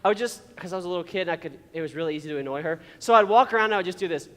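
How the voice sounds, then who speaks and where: High-voiced man preaching in a hall. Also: rapid-fire. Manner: chatty, animated, laughs often, keeps asking "okay?". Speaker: youth pastor. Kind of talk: casual storytelling sermon. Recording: long hall reverb.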